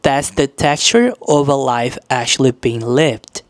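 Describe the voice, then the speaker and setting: An earnest man from Brazil talks through a reflective vlog monologue, easing off to linger on the phrases that matter. His voice sits at an ordinary middle pitch. The sound is dry and close, with no room around it. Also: measured pace, no room sound. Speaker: vlogger.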